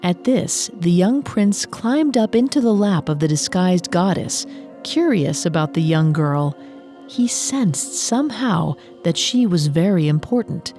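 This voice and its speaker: Female narrator, low mellow voice, measured scripted storytelling, faint music bed. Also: lively intonation.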